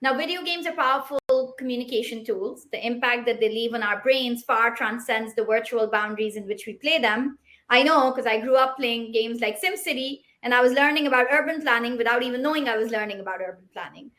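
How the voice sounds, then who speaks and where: A Pakistani woman in her thirties whose first language is Pashto gives an upbeat, well-rehearsed startup pitch full of rhetorical questions. She speaks briskly, and her tone is a little bright.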